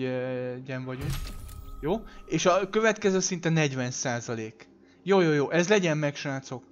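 A man's voice: a little high, highs cut off, slight background noise. A man casually commenting on his own game playthrough, thinking aloud, talking to viewers and swearing when he slips up. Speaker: gamer streaming a playthrough. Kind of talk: casual let's play commentary.

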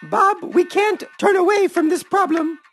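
Casting: woman to play bossy cartoon female bird, extremely high voice, slow earnest scolding, music behind. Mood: indignant. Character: bossy, indignant lady bird, a cartoon activist. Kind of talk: cartoon character acting.

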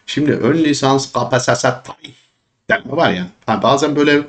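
A man teaching history for an exam, ranting and joking in an animated, casual way, sometimes slipping into a Çorum dialect. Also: brisk. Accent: Turkish, Çorum dialect slips. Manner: animated, joking, rants and jumps high when worked up. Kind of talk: exam prep lesson with casual rants.

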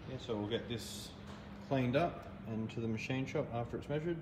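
A young man, a mechanic casually walking through his engine work in a plain-spoken, relaxed way with trailing phrases, recorded by a camera across a large indoor workshop. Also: medium pitch, moderate pace. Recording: echoey workshop with clear background noise.

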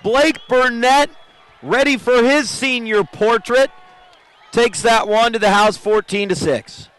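A high-pitched man calls a night football game play by play. His voice climbs into loud, excited calls whenever a big play breaks. He sounds like he is at an outdoor stadium. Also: slow pace, clean tone, some chatter behind. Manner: excited calls that rise sharply on big plays. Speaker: play-by-play announcer. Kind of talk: live football commentary.

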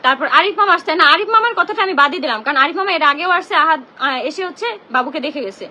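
A young woman speaks into her phone on a live stream from home. Her voice sits very high and sounds bright and tense. She talks fast and hammers the same grievances again and again. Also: animated. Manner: indignant, confrontational, repeats herself. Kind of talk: emotional live-stream rant.

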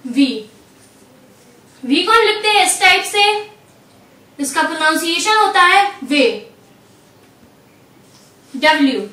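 A woman teaching a language lesson, going slowly and patiently through each letter and repeating it. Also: very high-pitched, lively intonation, bright, forceful tone, echoey room, distant mic.

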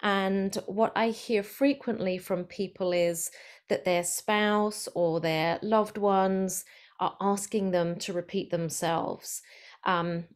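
A speech therapist, a woman with a mid-range voice, gives an online presentation over a video call. She explains things in a friendly way, using some fillers.

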